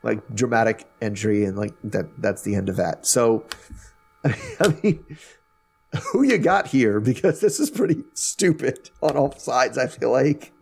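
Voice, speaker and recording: A man hosting a podcast, recapping an episode in a wry, animated way, with many restarts. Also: mid-range voice, a little slow, vocal fry, breathy edge. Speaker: podcast host. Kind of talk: casual recap chat.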